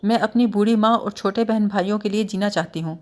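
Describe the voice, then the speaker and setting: A woman's voice: medium pitch, a little mellow, close to an everyday voice. A woman voicing an anxious young schoolteacher who supports her family, curt and defensive.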